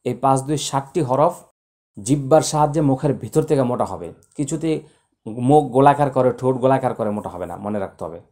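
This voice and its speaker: A man's voice: mid-range voice, animated, fast, darkish tone. A man teaching Quran recitation to viewers, spelling out letters and vowel marks one by one and then chanting them. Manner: addresses viewers directly. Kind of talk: spoken lesson with chanted recitation.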